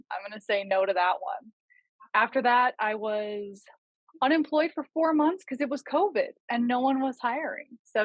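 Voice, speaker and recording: A woman's voice: on the high side, no room sound, lo-fi sound. A woman in her twenties, chatty and self-deprecating, talking casually on a podcast. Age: 20s. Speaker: project manager.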